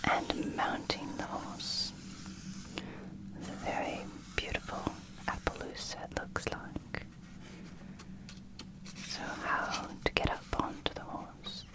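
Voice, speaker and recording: ASMR host for book read-through: library whisper, fully unvoiced, unhurried, gentle, short phrases with pauses. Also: poor audio. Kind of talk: whispered ASMR, reading and commenting on a picture book.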